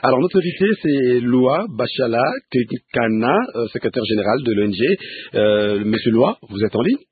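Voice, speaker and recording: A man with a Congolese accent hosting a radio interview in a halting, repetitive way. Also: mid-range voice, slightly rough, no echo. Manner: halting, repeats himself. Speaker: radio host. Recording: dry, very narrow-band radio sound.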